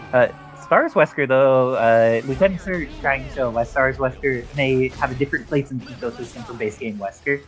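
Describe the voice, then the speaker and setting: An esports commentator gives live play-by-play of a fighting game tournament, explaining mechanics and history at length. He talks at a normal speed in a mid-range voice over soft background music, and the recording is rough.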